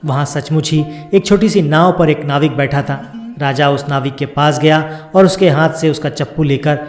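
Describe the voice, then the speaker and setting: A man narrating a fairy tale in a steady, even storytelling read. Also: a little high, moderate pace. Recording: roomy sound with soft background music.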